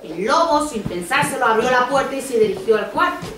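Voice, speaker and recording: A woman from Andalusia narrating a fairy tale in an expressive sing-song way to small children. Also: high voice, brisk. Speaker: storyteller mother. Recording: echoey school hall from far off, noisy.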